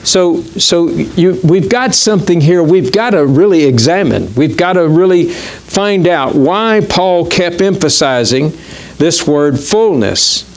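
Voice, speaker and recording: A man preaching a sermon as pastor, reading scripture quickly and slowing down to stress key words. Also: high-pitched, expressive. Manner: reads verses quickly, then slows to stress key words. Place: church.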